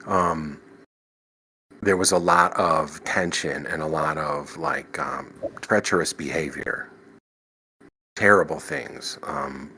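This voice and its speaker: A man's voice: extremely low pitch, sharp tone, slightly rough, rough recording. A man guest on a podcast, casually recounting his paranormal experiences in a rambling way, restarting sentences and chuckling now and then. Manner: rambling, frequent restarts and "you know".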